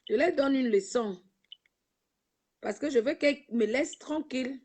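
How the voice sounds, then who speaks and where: A woman's voice: high voice, normal speed, darkish tone. A woman hosting a live video stream, talking to the camera in an emotional, preachy and repetitive way. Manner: preachy, repetitive, keeps saying "ma fille". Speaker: livestream host. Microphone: own camera.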